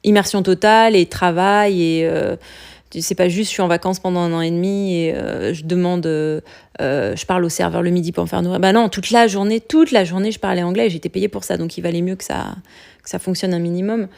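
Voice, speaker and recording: A woman's voice: fairly low pitch, steady tone, brisk, creaky, darkish tone. A woman from France, speaking, chats casually on a podcast about living abroad, with lots of fillers and restarts. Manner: chatty, many fillers and restarts, laughs easily. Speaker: podcast guest sharing expat experience.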